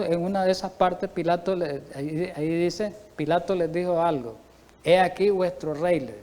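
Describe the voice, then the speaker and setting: A man preaching a sermon, teaching from the Bible, reading quotations slowly and asking the congregation questions. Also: high-pitched, a little mellow, long reverb tail. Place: church.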